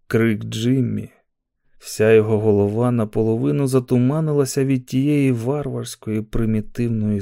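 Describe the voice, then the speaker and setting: A man reading a dramatic novel aloud as an audiobook narrator, in a gravelly voice. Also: mid-range voice, warm tone, no room sound, clean studio sound.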